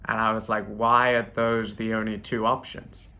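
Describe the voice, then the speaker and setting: British male comic host, bright tone, rambling and deadpan. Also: fairly low pitch, normal speed, gravelly. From Britain. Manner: rambling, self-interrupting, deadpan asides. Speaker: comedian host. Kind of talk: stand-up storytelling.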